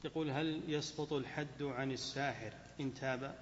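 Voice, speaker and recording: A man's voice: mid-range voice, steady tone, a little fast, slight background noise. A man formally reading out questions to a sheikh, opening each with a respectful address. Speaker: question reader. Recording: dull echoey hall recording.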